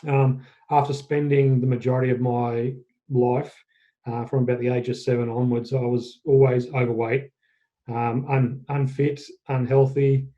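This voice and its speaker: A man in his forties from Queensland with an Australian accent, telling his story as a podcast guest in a halting, self-correcting way. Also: mid-range voice, little pitch movement, mellow. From Australia, central Queensland. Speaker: guest, fitness business owner. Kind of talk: casual interview storytelling. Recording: dull lo-fi podcast audio.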